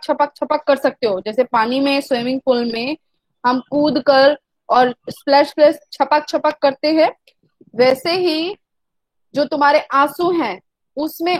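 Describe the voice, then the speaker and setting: A woman's voice: high-pitched, dry recording, poor audio. A woman teacher explains a poem, repeating herself and asking and answering her own questions. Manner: mixes Hindi with English lines.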